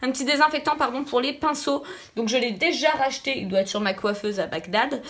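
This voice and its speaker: A woman's voice: high-pitched, fairly quick, a bit bright. A woman with a lisp and slushy s sounds, sounding slightly sick, chatting casually and emphatically as she reviews beauty products to viewers. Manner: emphatic, repeats words for stress. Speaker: beauty vlogger.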